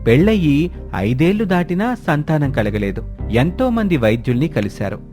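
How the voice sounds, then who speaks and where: A man narrating a cartoon storybook in a steady, clear telling voice. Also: on the high side, moderate pace, soft background music.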